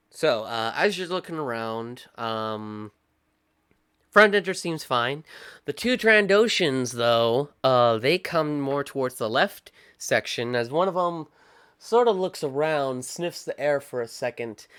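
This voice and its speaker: A man's voice: medium pitch, expressive, slow, fairly bright tone, clear, resonant tone, no room sound, studio quality. A young man narrating as game master of a tabletop game, talking casually with many fillers.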